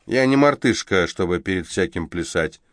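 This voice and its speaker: A man voicing a tough, nimble male dwarf who answers curtly and gruffly. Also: lowish voice, expressive, moderate pace, dry recording, studio quality, natural voice. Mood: scornful. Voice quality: curt, gruff, speaks through teeth.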